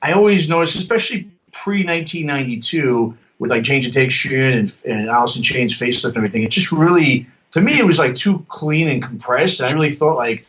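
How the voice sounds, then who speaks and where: A man's voice: medium pitch, a little fast, hardly any pauses, a bit bright, lo-fi sound. A man co-hosting a podcast in casual chat, rambling and filling his talk with um and you know. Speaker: podcast co-host and producer.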